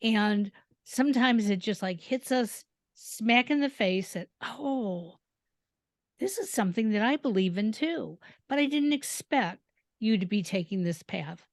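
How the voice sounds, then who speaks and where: A woman's voice: medium pitch, animated, unhurried, dry recording. Woman host, casual interviewer, rambling delivery, dry close sound. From Detroit, Michigan. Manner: conversational, rambling with fillers. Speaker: podcast host.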